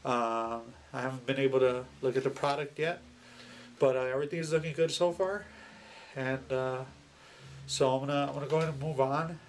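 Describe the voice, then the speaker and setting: A man with a medium-pitched voice and plenty of vocal fry talks informally, as in a personal vlog. He rambles haltingly, pausing and repeating himself, over faint background noise. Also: fairly even intonation. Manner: halting, rambling, with many pauses and self-repeats. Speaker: video blogger. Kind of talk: casual personal vlog talk to camera.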